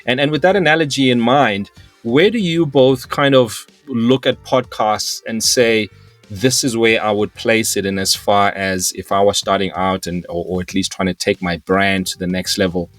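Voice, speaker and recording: Low-voiced man hosting a podcast. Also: steady tone, normal speed, fairly bright tone, no echo, soft background music. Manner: rambling, many restarts. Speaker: podcast host. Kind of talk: casual interview talk.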